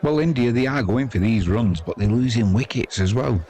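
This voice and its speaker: This is a mid-range, expressive man's voice with a dark tone and moderate pace. He's a British sports commentator aged 50s or older, casually chatting his way through ball-by-ball cricket in a rambling, colloquial style, while the crowd can be heard behind him.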